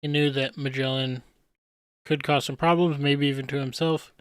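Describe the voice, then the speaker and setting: Male streamer, casual rambling commentary, smooth voice, dry close mic. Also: medium pitch, normal speed, no room sound. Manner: relaxed, rambling, chuckles at himself. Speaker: streamer analyzing manga panels.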